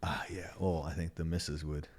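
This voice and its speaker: A man co-hosting a podcast, telling stories in a relaxed, casual way, often restarting his sentences. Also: rumbling low, moderate pace, breathy edge. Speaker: podcast co-host. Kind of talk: casual chat.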